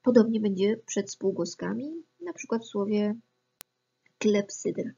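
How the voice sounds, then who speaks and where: A woman gives a methodical lesson, carefully explaining pronunciation rules and sounding out examples. Her voice is husky. The recording is a little dull and lo-fi. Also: medium pitch, normal speed. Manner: calm, methodical, spells out examples. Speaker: Latin teacher.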